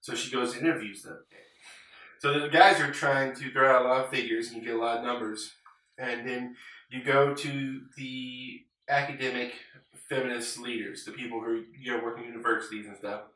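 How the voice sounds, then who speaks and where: A man with a bright, forceful voice talks through a film in a casual review chat, making his points with emphasis. He sounds set back from the microphone in a very reverberant room. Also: medium pitch, steady tone, fairly quick. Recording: very echoey room, far from mic.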